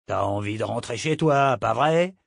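A man's voice: medium pitch, lively intonation, moderate pace, vocal fry, slightly rough, no echo, studio quality. A man voicing a cheerful, sarcastic pirate captain who drawls his threats. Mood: mocking.

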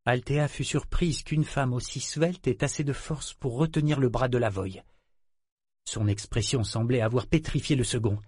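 A man narrating a novel as an audiobook in a dramatic, expressive reading. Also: medium pitch, normal speed, breathy edge, no echo, studio quality.

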